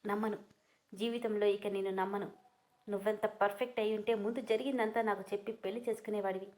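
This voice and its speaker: A heartbroken young woman shouts through tears in a storybook reading, voiced by a woman narrator. Her voice rises high and loud with hurt and fury, and she cries out sharply. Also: moderate pace, lightly acted. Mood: angry tearful. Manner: tearful, high-pitched shouting. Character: young woman, distraught and furious at betrayal.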